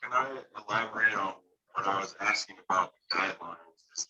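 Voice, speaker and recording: A man's voice: sits low, sharp tone, breathy edge, dull audio. Man on glitching, broken-up call audio. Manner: halting, hard to make out, whispery dropouts. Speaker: referee on a call. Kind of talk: online meeting question. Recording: garbled distant call audio with background chatter.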